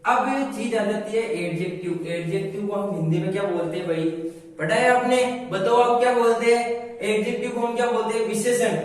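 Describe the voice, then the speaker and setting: High-voiced teacher in an echoey room. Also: male voice, fairly even intonation, brisk, far from the mic. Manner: asks questions then answers them himself, repeats key words. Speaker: English teacher. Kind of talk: classroom-style lesson with call-and-response questions.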